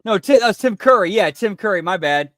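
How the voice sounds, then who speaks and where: A man's voice: high-pitched, lively intonation, brisk, a bit bright, dry recording, clean studio sound. A man commenting casually on a film as a reaction host, in informal, slangy speech. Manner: informal, slangy, often says dude and pal.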